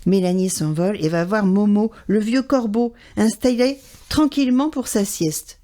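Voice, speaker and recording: A woman telling a children's story aloud in an expressive, animated way. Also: medium pitch, normal speed.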